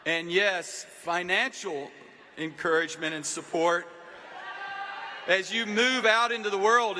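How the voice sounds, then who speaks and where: Bright, high-voiced man giving a commencement speech. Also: slight background noise. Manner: rousing, addresses the crowd directly with calls to stand and cheer. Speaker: university leader giving commencement address. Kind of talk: commencement speech to a large audience. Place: large packed venue. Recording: long reverb of a large hall.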